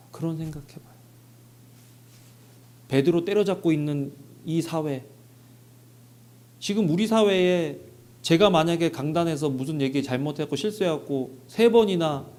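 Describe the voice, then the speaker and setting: A man's voice: fairly high pitch, dark tone. A man preaching a Sunday sermon as pastor, asking the congregation questions and acting out short bits of dialogue. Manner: rhetorical questions, acts out dialogue. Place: church sanctuary.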